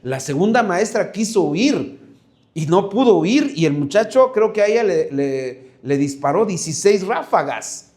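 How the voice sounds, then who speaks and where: A man's voice: high voice, lively intonation, a little slow, a little mellow. A man, preaching a sermon as pastor, earnest and searching, often restarting and asking rhetorical questions.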